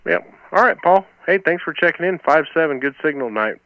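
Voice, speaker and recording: A man's voice: fairly high pitch, expressive, a little fast, creaky, no echo, highs cut off. An American man hosting an amateur radio net, chatting casually and calling for check-ins over a two-way radio. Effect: heard over amateur two-meter radio. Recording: band-limited two-way radio.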